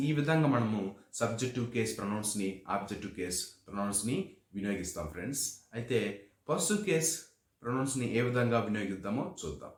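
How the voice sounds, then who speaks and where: Man teaching grammar in an echoey room. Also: mid-range voice. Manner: calls listeners "friends" often, explains word by word. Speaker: English teacher. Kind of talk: explanatory video lesson.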